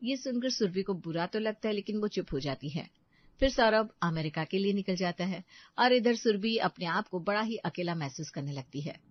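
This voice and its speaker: A woman narrating an animated story in a scripted, engaging way, often turning to address the audience. Her voice is mid-pitched, and the recording is dry and a bit dull. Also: normal speed, no echo. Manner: warm, engaging, addresses listeners. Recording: dry, slightly dull lo-fi audio.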